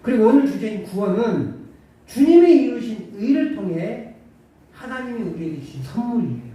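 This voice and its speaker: This pastor has a high voice with a dark tone, and his conversational sermon leans on rhetorical questions and dry humor. The mic is far away in an echoey church sanctuary, picking up a faint hiss.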